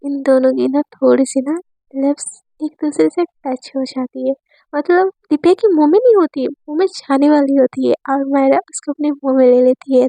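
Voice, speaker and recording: Chatty high-voiced woman storyteller. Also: warm tone, no echo, low-quality recording. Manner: chatty, uses fillers like "ना". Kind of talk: casual story narration.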